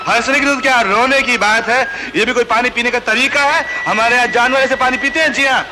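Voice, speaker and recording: A teasing young villager. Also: male voice, extremely high pitch, a little fast, noisy background. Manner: teasing, joking, boyish. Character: playful young villager courting a rich girl. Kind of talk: 1960s film acting. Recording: film soundtrack with loud music.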